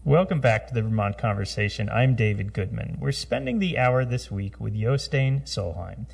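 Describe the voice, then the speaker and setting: A man hosting a radio interview, reading introductions and sponsor credits in a measured announcer manner. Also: fairly low pitch, big pitch swings, vocal fry, darkish tone, recorded from a distance, faint music behind. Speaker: radio show host.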